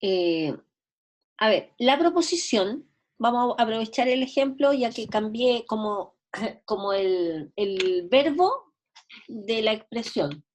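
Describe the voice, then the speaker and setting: A woman's voice: on the high side, animated, slow. A woman teaching a logic class, explaining patiently and often checking whether her students follow. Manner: explanatory, repeats and rephrases, checks understanding. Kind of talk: recorded lecture.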